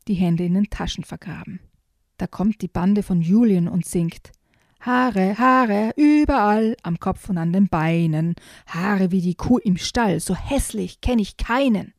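A woman reading a children's picture book aloud with lively storytelling, then talking about it with hesitant, chatty pauses. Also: medium pitch, creaky, dry recording, clean studio sound. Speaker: story reader and book reviewer.

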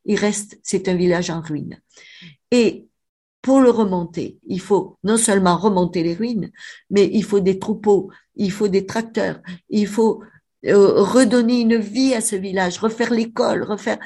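A woman's voice: mid-range voice, dark tone, breathy edge. Passionate Provençal woman storyteller. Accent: Provençal French. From Avignon, Provence, France. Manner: passionate storyteller, emphatic, slows down on key words. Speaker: author and local historian. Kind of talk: radio interview.

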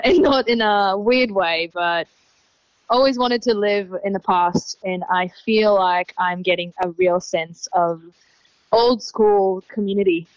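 A young traveler in her mid-twenties from Tel Aviv, Israel, answers conversationally as an interview guest. She has an Australian-sounding accent and average pitch for a woman. The recording is dry, with no room echo.

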